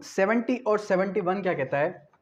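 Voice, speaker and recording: This law lecture comes from a Pakistani-accented man with a high voice and a moderate pace, teaching didactically by asking questions he goes on to answer, with English terms mixed into his Urdu. The dull, lo-fi recording carries a little hiss or hum.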